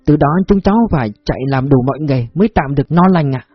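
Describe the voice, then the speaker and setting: A man reading a story, voicing a humble, polite poor woman who sells food; husky and dry. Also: medium pitch, lively intonation, fast, dry recording, lo-fi sound, faint music behind. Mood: deferential. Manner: deferential, polite.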